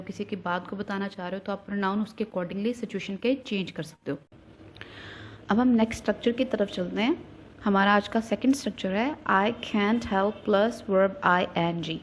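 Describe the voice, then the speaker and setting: A woman teaching an English grammar lesson. She reads each English example sentence slowly and deliberately, then explains it. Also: mid-range voice, a little hiss or hum.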